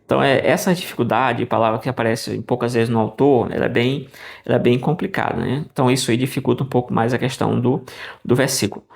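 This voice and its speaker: A man's voice: mid-range voice, fairly even intonation, fast talker, creaky. A man teaching Greek grammar in a casual, conversational way, with frequent "né" and restarts. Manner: conversational, many "né" tag questions and restarts. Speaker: Greek New Testament teacher. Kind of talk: casual explanatory lesson.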